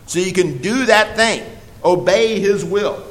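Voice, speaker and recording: A man's voice: high voice, unhurried, low-quality recording. A man teaching a Bible study, earnest and emphatic, with frequent fillers and restarts.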